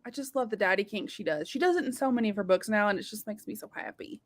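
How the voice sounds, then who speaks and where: A woman's voice: mid-range voice, quick pace. A woman hosting a casual book discussion, chatty and laughing, talking while eating. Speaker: booktube host. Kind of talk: casual chat.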